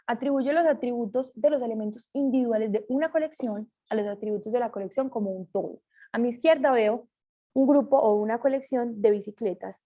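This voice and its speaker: A woman reads out a class presentation in a mellow, warm tone. Her pitch sits a little high, and she stumbles now and then and corrects herself mid-sentence. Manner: reads aloud with small slips and self-corrections.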